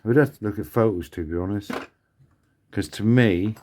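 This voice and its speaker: A man narrates his model build in a casual, muttering way, half talking to himself as he works. His voice sits a little low and sounds warm and mellow rather than bright. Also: moderate pace, slight background noise. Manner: mumbling, thinking aloud to himself. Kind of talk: casual workbench commentary.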